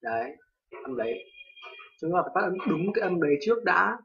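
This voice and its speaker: A young man from Vietnam with a Vietnamese accent, casually teaching English pronunciation, hesitant with many fillers and loudly repeating example words. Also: high voice, lively intonation, a little fast, creaky. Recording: distant lo-fi home recording.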